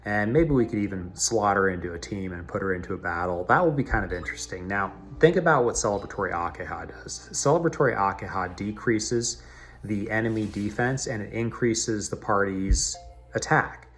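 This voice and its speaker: A man's voice: lowish voice, a little fast, a bit bright, soft background music. A man casually talking through a mobile game's menus, recorded in a cavernous room that makes his voice sound echoey. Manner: chatty, talks himself through menus. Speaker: mobile game video host. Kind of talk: casual gameplay commentary.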